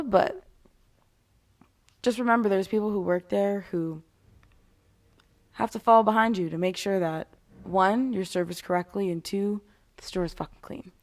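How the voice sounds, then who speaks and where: A woman with a mid-range voice talks casually and candidly, as if laying down rules for customers. She is blunt and swears freely, slipping in sarcastic, exasperated asides. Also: medium pitch. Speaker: retail worker giving advice to customers.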